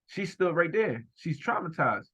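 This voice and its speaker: A man's voice: fairly high pitch, very animated, unhurried, a bit bright, slightly rough, dull audio. A man giving heated, repetitive running commentary over a video, speaking emphatically and accusingly.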